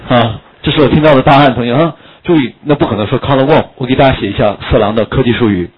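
Fast-talking, joking male English teacher. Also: medium pitch, dull audio. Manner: quick, joking, asks students questions often. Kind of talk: classroom lecture. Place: classroom.

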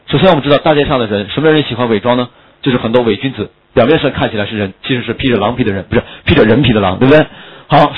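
Fast-talking, joking male English teacher. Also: mid-range voice, breathy edge, lo-fi sound. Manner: quick, joking, asks students questions often. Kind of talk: classroom lecture. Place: classroom.

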